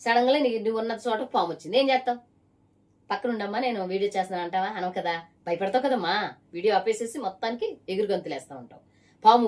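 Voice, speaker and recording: A woman evangelist preaches her testimony at a middling pitch. She talks emphatically and presses a single listener again and again with pointed rhetorical questions. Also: darkish tone, recorded from a distance. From Visakhapatnam area, Andhra Pradesh.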